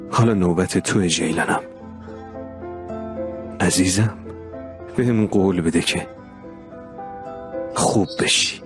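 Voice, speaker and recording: An actor playing a gentle brother who talks softly and pleads in a dubbed TV drama. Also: male voice, deep voice, close to an everyday voice. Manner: soft, soothing, pleading. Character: gentle brother trying to calm his sibling. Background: soft music.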